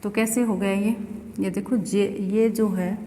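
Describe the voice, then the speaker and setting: A woman teaching English pronunciation in a slow, repetitive classroom manner, asking rhetorical questions as she explains. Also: mid-range voice, steady tone, dark tone. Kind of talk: classroom-style lesson explaining phonetics. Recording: echoey room with long reverb, faint ambient noise.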